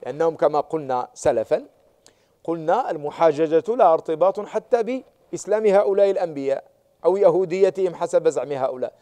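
A man's voice: fairly high pitch, expressive, fast talker, dark tone. A man teaching a class on Quranic exegesis, repeating key words and often checking that students follow. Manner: checks understanding with rhetorical questions, stresses and repeats key words.

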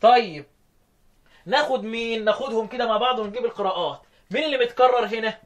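High-voiced Egyptian teacher drilling readings. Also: male voice, lo-fi sound. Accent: Egyptian Arabic. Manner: quizzing, repeats answers, drills phrases slowly. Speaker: Quran recitation teacher. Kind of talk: teaching the variant readings with call and response.

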